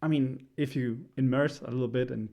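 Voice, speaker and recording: A man giving a casual spoken lesson, hesitant and filling pauses with "uh" and "right?". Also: mid-range voice, fairly even intonation, creaky, mellow. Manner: hesitant, many fillers, frequent "right?". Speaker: language teacher.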